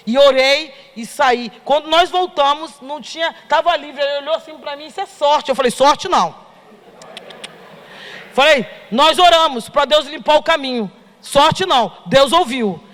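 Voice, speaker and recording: A middle-aged Brazilian woman giving a lively testimony to a congregation, acting out the dialogue as she tells the story. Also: high-pitched. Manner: animated storytelling, acts out dialogue. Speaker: church member giving testimony. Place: church hall. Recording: long reverb of a church hall.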